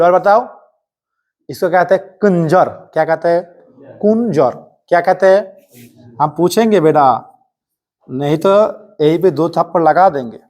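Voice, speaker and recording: A man teaching Hindi vocabulary in a live coaching class, quizzing students with rapid questions and answers and scolding them playfully. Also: a little high, darkish tone. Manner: strict, jokingly threatens students.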